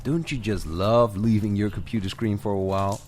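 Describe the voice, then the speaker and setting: Speaking at normal speed with fairly even intonation and a darkish tone, a low-voiced man coaches a lone listener on a walking audio session, conversational, encouraging and playful at times. Behind him sit faint, clear added sounds of footsteps, garden birds and ambience.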